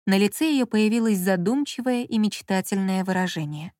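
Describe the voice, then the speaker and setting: A woman narrating an audiobook in an even storytelling manner. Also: medium pitch, moderate pace, no echo, clean studio sound.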